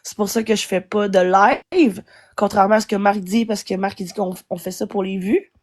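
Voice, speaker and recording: A woman's voice: mid-range voice, fairly even intonation, moderate pace. A woman with a Québécois French accent ranting angrily as a guest on a live stream, swearing often. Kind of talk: angry live-stream rant.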